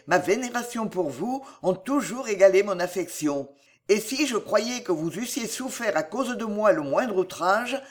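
A passionate young gentleman from an old novel, proud and pleading, speaking in earnest, declamatory phrases, voiced by a woman reader. His lines swing in pitch with feeling. This is an audiobook reading.

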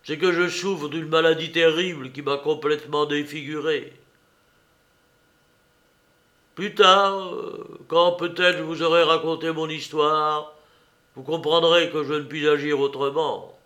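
A man voicing a muffled, hoarse master of a cursed valley. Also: fairly high pitch, steady tone, moderate pace, bright, forceful tone. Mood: grave. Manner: curt, commanding pronouncements. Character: disfigured, stern male recluse ruling a cursed valley. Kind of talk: audiobook character voice.

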